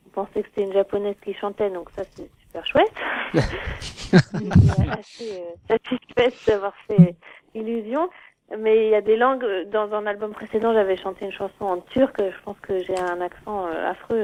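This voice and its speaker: Woman, musician guest, mid pitch, relaxed, faint noise behind. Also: low-quality recording. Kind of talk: interview answers.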